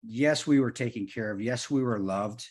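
A man's voice: mid-range voice, moderate pace, darkish tone, slightly rough. A man in his early fifties, an interview guest, talking earnestly and reflectively, often restarting and repeating words. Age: 50s. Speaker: guest, former Army Ranger and firearms instructor. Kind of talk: reflective conversational storytelling.

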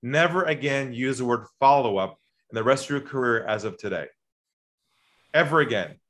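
A man who is a sales trainer on a podcast, telling stories and acting out phone calls, dropping to a calm low voice and jumping to excited high bursts. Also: moderate pace. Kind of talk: podcast conversation, storytelling.

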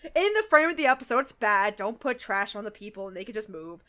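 A woman's voice: medium pitch, quick pace. A woman co-hosting a podcast, giggling often as she recaps a cartoon episode in casual chat. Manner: giggly, animated, acts out characters' lines. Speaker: podcast co-host.

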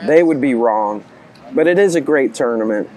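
Guest sports analyst: middle-aged man, gravelly, conversational delivery. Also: mid-range voice, lively intonation, moderate pace, darkish tone, poor audio. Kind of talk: casual sports chat.

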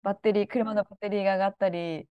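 A woman's voice: mid-range voice, fairly even intonation, rapid-fire, clean tone, no echo, dull audio. A Japanese woman co-hosting a casual podcast, telling anecdotes expressively and laughing often. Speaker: podcast co-host. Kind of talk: casual chat.

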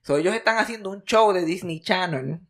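A man in his thirties with a Puerto Rican accent, co-hosting a casual chat, animated and profane, tossing English words into his talk. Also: sits high, fairly quick. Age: 30s. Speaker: podcast co-host.

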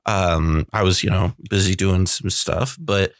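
A young man hosting a podcast in a relaxed, chatty way, full of fillers and laughs. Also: sits low, measured pace, no room sound, studio quality. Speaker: podcast host. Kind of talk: casual podcast chat.

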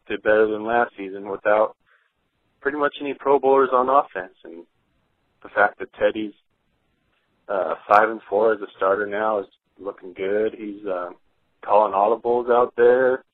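A man leaving a casual call-in message over the phone, laid-back and halting with frequent ums. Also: fairly low pitch, dry recording. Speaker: caller. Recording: tinny, dry phone line.

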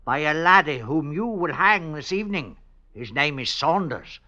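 A man's voice: on the high side, expressive, normal speed, bright, forceful tone, lo-fi sound. An actor playing a sly, cunning male prisoner in a 1950s radio drama, with whispered asides and cackles. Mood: earnest.

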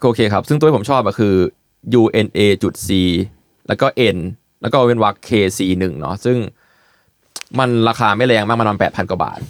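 A man hosting a casual podcast chat, explaining product details in a relaxed way with many fillers. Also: on the low side, a little fast, no echo. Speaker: podcast host presenting eyewear.

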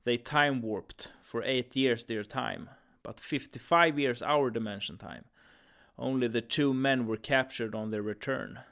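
A man's voice: mid-range voice, measured pace, gravelly, a bit bright. A man playing a firm, businesslike commander of a time-travel agency in an audio drama.

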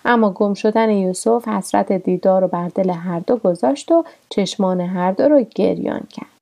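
Brief: woman storyteller, scripted narration, soft and hushed, dark warm tone. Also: fairly low pitch, creaky. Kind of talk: scripted narration of a religious tale.

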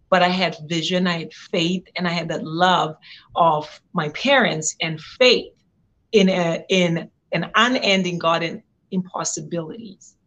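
A woman's voice: lowish voice, fairly bright tone. A young woman from Zimbabwe, a guest in an interview, telling her story in an earnest, reflective way. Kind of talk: interview conversation.

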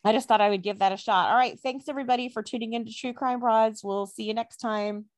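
A woman's voice: fairly high pitch, fairly even intonation, quick pace. A woman hosting a podcast interview, talking in a friendly, chatty way with frequent fillers. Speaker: podcast host. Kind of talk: casual conversational interview.

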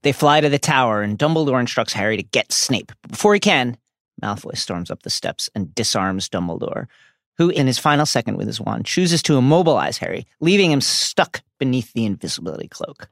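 A man's voice: medium pitch, lively intonation, brisk, vocal fry, fairly bright tone, dry recording, clean studio sound. A man co-hosting a podcast, reading a scripted intro and recap with playful, theatrical comic asides. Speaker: podcast co-host.

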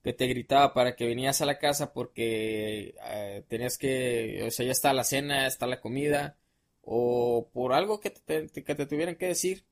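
A young man with a Mexican accent tells stories loosely, full of slang and hesitations. His pitch sits in an ordinary middle range, and he drifts from one detail to the next in a relaxed podcast chat. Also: normal speed. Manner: rambling, slangy, many fillers. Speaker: podcast guest. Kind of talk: casual storytelling chat.

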